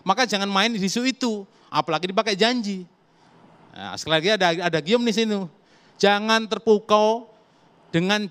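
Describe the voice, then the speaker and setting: Fast-talking, emphatic male commentator. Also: high-pitched. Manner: emphatic, lively argumentative. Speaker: political commentator guest. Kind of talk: talk show political debate.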